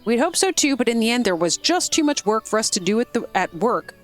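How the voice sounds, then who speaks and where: A woman voicing a brisk, no-nonsense mother in a game, with a scolding manner. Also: fairly high pitch, very animated, soft background music, pitched above the performer's own voice.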